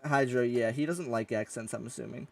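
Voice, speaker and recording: Casual podcast host, male, mid-pitched, rambling and profane, a bit off-mic, dry sound. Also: a little fast, recorded from a distance, a loud crowd. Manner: rambling, swears often, jokey. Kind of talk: casual gaming chat.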